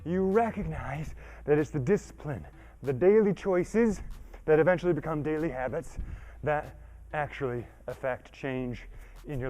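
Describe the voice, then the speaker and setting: Exerting himself and getting winded, a fitness trainer keeps up a motivational talk during the workout, conversational and emphatic, with frequent check-ins. His voice is a little high and mellow.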